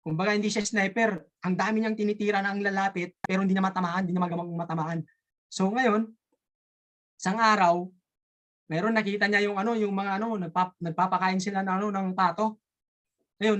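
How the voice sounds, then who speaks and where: A speaker with an Ilonggo accent telling a story in a casual, halting way, often stopping to search for words, as a participant in an online coaching session. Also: mid-range voice, steady tone, a bit bright.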